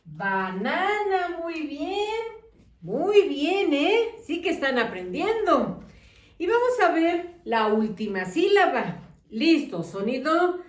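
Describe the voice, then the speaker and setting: A woman teacher leading a children's phonics lesson, drawing out syllables in a slow, sing-song way and praising often. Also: high voice, very animated, echoey room, distant mic.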